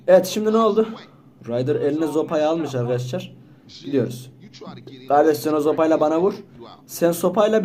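A man hosting a gaming channel, giving casual let's-play commentary and bantering excitably with the characters on screen. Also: a little high.

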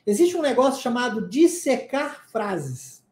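A man's voice: very high-pitched, sing-song, a little slow, darkish tone. Emphatic Brazilian man teaching English. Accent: Brazilian Portuguese. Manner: emphatic, repetitive, checks in with tag questions. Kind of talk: explanatory online lesson. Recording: roomy echo.

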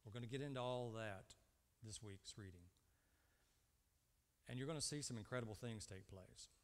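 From a lectern on an indoor church stage, a man in his fifties preaches emphatically, repeating himself and firing short rhetorical questions at the congregation, then answering them. His voice is medium in pitch at a normal speed, and the hall sound is reverberant.

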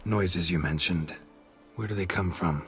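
A world-weary monster hunter in a fantasy role-playing game, speaking in clipped, dry, sardonic lines. His voice is remarkably deep and low. Faint music plays behind him. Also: a little slow, fairly bright tone. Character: gruff world-weary male monster hunter, middle-aged. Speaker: witcher taking a contract.

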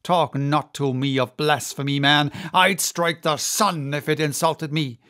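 A man's voice: fairly high pitch, fairly even intonation, a little slow, pushed and bright. A man voicing an obsessed, vengeful whaling captain in an audiobook, intense and declamatory. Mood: brooding, defiant.

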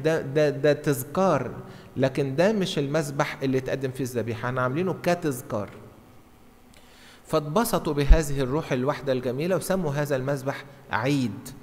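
A middle-aged man with an Egyptian accent preaches as a priest, explaining scripture in a conversational way. His voice sits a little high and moves along quickly. A long church reverb surrounds it. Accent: Egyptian Arabic. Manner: conversational, acts out dialogue, repeats short phrases for emphasis. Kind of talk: Bible teaching sermon, explanatory. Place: large church interior at a lectern. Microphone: gooseneck lectern microphone.

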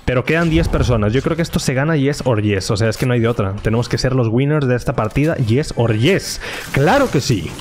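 A man with a Mexican accent giving excitable live gameplay commentary to his chat, repeating words in bursts. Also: mid-range voice, fast talker, few pauses, a little hiss or hum. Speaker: gaming streamer.

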